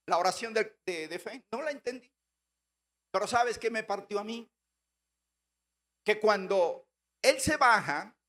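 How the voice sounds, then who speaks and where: Brief: high-pitched male churchgoer, personal testimony, storytelling delivery, repeats phrases for emphasis. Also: a bit bright. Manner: storytelling, acting out remembered dialogue. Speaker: church member giving a testimony.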